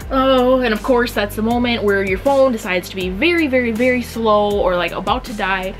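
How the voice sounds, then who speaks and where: A woman's voice: mid-range voice, fairly quick, soft background music. A young woman, telling a casual storytime vlog in a chatty, self-mocking way and acting out awkward moments. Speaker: vlogger.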